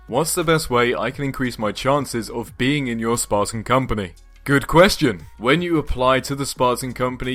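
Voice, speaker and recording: A man in his twenties who hosts a YouTube gaming channel answers viewer questions in an upbeat, casual vlog voice-over, tossing in joking asides. His voice is mid-range and a bit bright.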